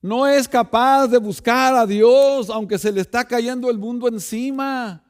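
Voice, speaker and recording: A man's voice: very high voice, measured pace, clear, resonant tone. A man, a pastor, preaching a sermon and speaking directly to the congregation, often checking in with rhetorical asides.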